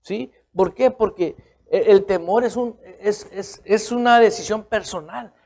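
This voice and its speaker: A man's voice: high voice, a little slow, vocal fry, a little mellow. A male pastor, preaching a conversational sermon. He keeps checking in with his listeners and repeats key phrases for emphasis.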